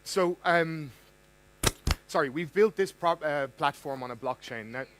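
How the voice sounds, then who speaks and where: Irish man, startup founder, live pitch, earnest, some ums. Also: a little slow, background noise. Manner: earnest, with fillers and mic checks.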